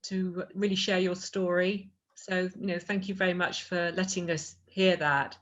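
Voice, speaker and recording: A woman's voice: fairly low pitch, little pitch movement, normal speed, fairly bright tone. Appreciative woman on a dull line. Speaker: meeting participant.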